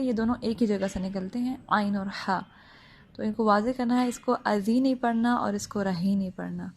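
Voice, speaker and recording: A woman teaching tajweed. She explains pronunciation patiently, step by step, and often checks that the listener follows. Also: medium pitch. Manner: slow drawn-out recitation, then plain step-by-step explaining. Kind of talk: Quran recitation lesson.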